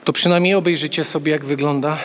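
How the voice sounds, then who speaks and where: A man's voice: a little high, steady tone, quick pace, a bit bright. A young man casually vlogging a pilgrimage walk, chatting and joking with viewers as he wanders outdoors and through a small church. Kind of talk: casual vlog talk to camera.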